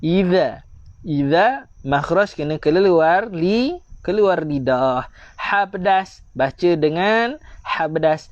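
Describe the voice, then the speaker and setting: A man with a Malaysian accent teaching Quran recitation online, correcting mistakes and repeating slow, drawn-out examples. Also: on the high side, animated, no echo, highs cut off.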